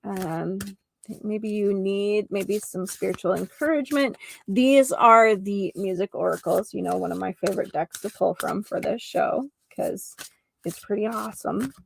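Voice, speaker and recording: On her solo holistic healing podcast, this geomancer and energy healer speaks to listeners in an earnest, effusive way, leaning on key words. Her medium-pitched, creaky voice moves at a normal pace, and the poor audio carries a little hiss or hum.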